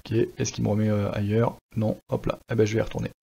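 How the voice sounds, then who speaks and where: Relaxed French man walking through a tutorial. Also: lowish voice, quick pace, gravelly, breathy edge. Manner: relaxed, chatty, many fillers and restarts. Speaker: WordPress tutorial presenter. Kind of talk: casual screen-recorded tutorial. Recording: slightly dull lo-fi sound.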